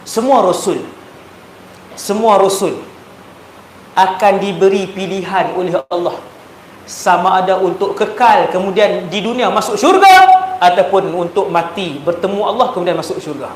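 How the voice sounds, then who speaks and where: A man with a Malaysian Malay accent preaching a sermon, telling stories animatedly and swinging between loud emphasis and hushed tones. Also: sits high, expressive, normal speed. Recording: echoey hall with faint noise.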